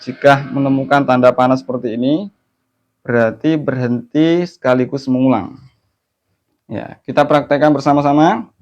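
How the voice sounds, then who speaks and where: A man teaching Quran recitation online, explaining patient steps and then chanting verses slowly in a melodic tone. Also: mid-range voice, steady tone, darkish tone. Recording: dull lo-fi audio.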